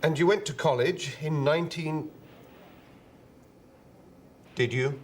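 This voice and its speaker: A man's voice: fairly high pitch, slow, a little hiss or hum. An actor playing a male job interviewer, questioning an applicant with mild disbelief in a scripted comic dialogue. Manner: questioning, mildly incredulous.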